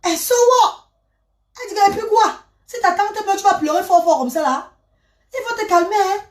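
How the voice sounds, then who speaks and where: A woman voicing a fussy, anxious neighbor lady in a high, excited voice. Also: normal speed. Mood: alarmed. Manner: high, excited, fussing questions. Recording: roomy, from a distance.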